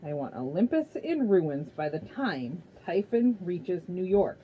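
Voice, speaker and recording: A woman's voice: fairly low pitch, very animated, measured pace. A woman voicing a menacing ancient male Titan lord who commands and hisses threats, in a dull lo-fi recording. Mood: commanding.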